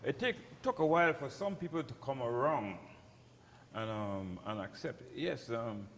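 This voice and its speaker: Crucian-accented pastor in a reverberant hall. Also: male voice, mid-range voice, lively intonation, unhurried, fairly bright tone. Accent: Crucian, Virgin Islands. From St. Croix, Virgin Islands. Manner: down-to-earth, informal. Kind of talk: candid personal talk. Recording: reverberant hall with background noise.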